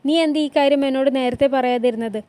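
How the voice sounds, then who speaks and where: A woman's voice: sits high, fairly even intonation, fast talker, warm tone, no echo, close to an everyday voice. A woman voicing a sly young royal consort who teases and probes in a story retelling. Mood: teasing. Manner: teasing and probing.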